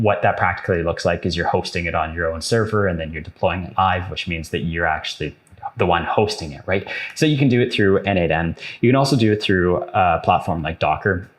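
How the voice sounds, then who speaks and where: A man hosting a software tutorial, explaining in a chatty, upbeat way with casual asides and the odd dad joke. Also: low-pitched.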